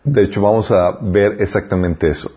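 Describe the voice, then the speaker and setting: A man's voice: on the low side, moderate pace, husky, dull audio. A man teaching an informal Bible class in a conversational way, often checking with the class for agreement. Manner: conversational, asks the class for confirmation.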